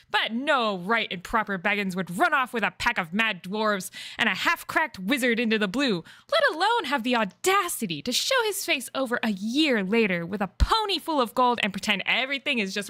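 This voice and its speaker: A woman's voice: fairly high pitch, big pitch swings, normal speed, hardly any pauses, bright, forceful tone, no room sound, clean studio sound. A woman voicing an indignant, snobbish middle-aged female hobbit who gossips with scorn. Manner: scornful, huffy, wordy.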